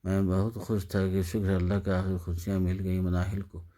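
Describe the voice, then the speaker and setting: A man's voice: low voice, flat delivery, mellow. A man narrating a sad story in a somber, sorrowful way.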